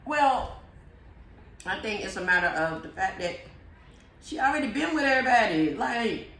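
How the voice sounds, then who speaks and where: A woman's voice: a little high, expressive, normal speed, fairly bright tone. A woman co-hosting a casual TV recap chat, easygoing and opinionated, trailing off into fillers. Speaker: co-host. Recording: echoey room.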